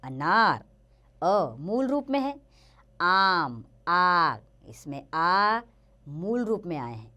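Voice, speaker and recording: A woman's voice: on the low side, sing-song, extremely slow, pushed and bright, dull audio. A woman teaching a grammar lesson to children, explaining patiently and stretching out the example words.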